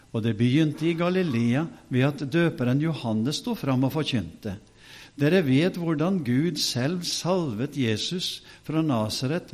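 A man reads an earnest apostle speaking to a gathered household. The delivery is steady and sincere, like testimony in a Bible storybook. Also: on the high side. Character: apostle Peter, earnest adult man preaching. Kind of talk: reading a scripture speech.

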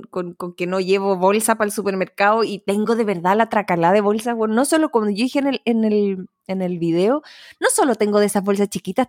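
A woman's voice: mid-range voice, darkish tone, dry recording, clean studio sound. A woman with a Chilean accent, co-hosting a casual chat and rambling about her weeks with slang and self-mocking humor. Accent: Chilean Spanish. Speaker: podcast co-host. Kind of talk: casual chat among friends.

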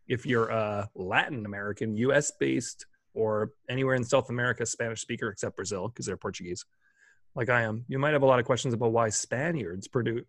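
A man's voice: mid-range voice, dry recording. A man hosting a casual chat, curious and playful, stumbling over Spanish words while reading from an article. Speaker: host.

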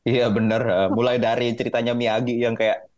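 A man's voice: mid-range voice, little pitch movement, normal speed, darkish tone. A man, recalling a film emotionally in casual podcast chat, often restarting his sentences. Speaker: podcast co-reviewer.

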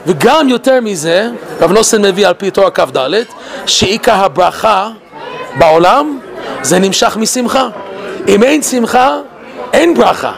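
A man giving an animated Torah talk. He laughs often and asks many rhetorical questions. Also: high-pitched, vocal fry, some chatter behind. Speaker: Torah teacher.

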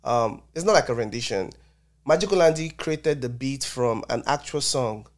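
A young man with a Nigerian accent talks loosely and animatedly, drifting into Pidgin phrases. His voice sits at an ordinary middle pitch, and he chats like a guest relaxing into the conversation. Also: normal speed. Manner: animated, mixes in Nigerian Pidgin, laughs often. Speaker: Afrobeats artist guest. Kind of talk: casual podcast conversation.

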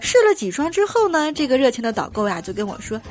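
A young woman performing a stand-up comedy story, animated and trailing her phrases with drawn-out particles. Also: on the high side, faint music behind. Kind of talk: comic storytelling monologue.

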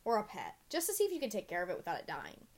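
A woman's voice: medium pitch, wildly swooping pitch, very fast. A woman of about eighteen chatting as a guest with her friend, teasing and blunt, laughing a lot, on a tabletop podcast mic. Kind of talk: casual chat.

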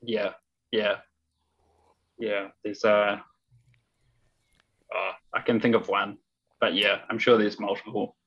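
A man's voice: flat delivery, takes it slowly, pauses often, a bit bright, slightly rough, lo-fi sound. A young man with a New Zealand accent chatting casually as a podcast guest, laconic and noncommittal. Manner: low-key, laconic, noncommittal. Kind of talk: casual chat.

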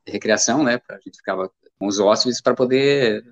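Speaking at a moderate pace with medium pitch, this Brazilian amateur runner in his fifties is a casual interview guest. He tells rambling stories packed with fillers, captured in dull, lo-fi audio.

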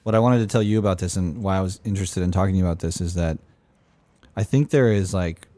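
A man's voice: low-pitched, quick pace, warm tone, no echo. A man hosting a casual podcast chat, talking loosely with fillers and the odd swear word. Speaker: podcast host.

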